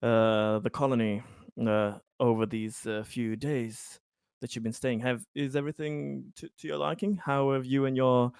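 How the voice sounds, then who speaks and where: Voicing a tabletop game's polite, friendly colony director, a man talks in a chatty, courteous way, working haltingly through each sentence. His mid-pitched voice is steady, creaky and darkish yet clean, close to an everyday voice, and the sound is dry and close.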